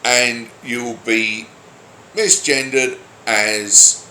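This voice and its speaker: A man's voice: medium pitch, steady tone, extremely slow, pushed and bright. A grumpy man giving a blunt, sweary, exasperated opinion rant, speaking off the cuff. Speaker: online commentator giving opinions. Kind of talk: opinionated solo rant, unscripted. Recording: roomy echo, faint background noise.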